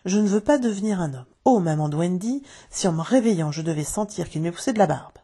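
A woman's voice: lowish voice, animated, fast, warm tone, slightly rough. A woman voicing a proud boy who refuses to grow up, speaking vehemently in an audiobook. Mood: defiant. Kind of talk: audiobook character reading.

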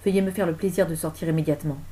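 A woman's voice: low voice, steady tone, rapid-fire, mellow, a little hiss or hum, close to an everyday voice. A woman voicing a stern, haughty charity lady giving imperious orders, in a storybook reading. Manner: commanding, imperious.

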